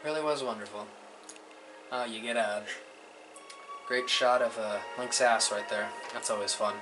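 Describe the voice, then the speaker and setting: A man's voice: on the low side, level tone, unhurried, noisy background. Joking man commenting on a game. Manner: joking, chatty. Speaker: let's player. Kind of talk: casual gameplay commentary. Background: game music.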